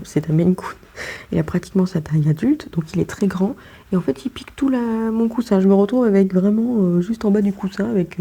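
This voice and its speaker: A woman's voice: lowish voice, dark tone, husky. A woman chatting casually at home in a vlog, rambling with many fillers and restarts. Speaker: vlogger.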